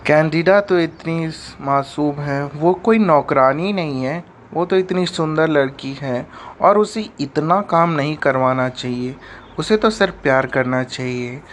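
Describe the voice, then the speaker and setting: A man voicing a fretful, adoring young man in an animated story, fussing over the woman he loves. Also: on the high side, unhurried, slight background noise, close to an everyday voice.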